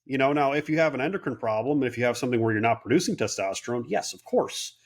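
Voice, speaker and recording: A man's voice: mid-range voice, fast. A man in his late thirties, a clinic owner and guest, telling his story in casual interview talk and acting out what others said. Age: 30s. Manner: animated storyteller, quotes people in voices.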